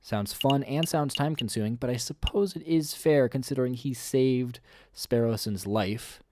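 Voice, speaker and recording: A man's voice: mid-range voice, normal speed, darkish tone, slight background noise. A man casually commentating a story game he is playing, playful and chatty. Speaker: let's play host.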